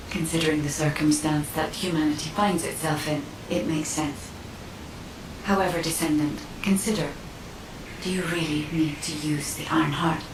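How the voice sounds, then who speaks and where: A woman voicing a composed, solemn artificial guide in a video game, with measured, formal speech. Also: fairly low pitch, lightly acted. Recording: roomy, distant, clearly noisy ambience.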